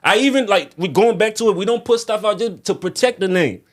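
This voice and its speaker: A man's voice: sits high, expressive, brisk. A man talking casually as a music artist guest, venting in slangy, emphatic speech with phrases repeated for stress.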